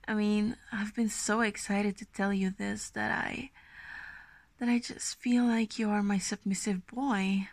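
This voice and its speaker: Woman in slow ASMR role-play as dominant girlfriend. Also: mid-range voice, no echo. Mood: excited, affectionate. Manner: slow, breathy, intimate, soft-spoken, coaxing. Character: affectionate, gently dominant girlfriend, possessive and coaxing.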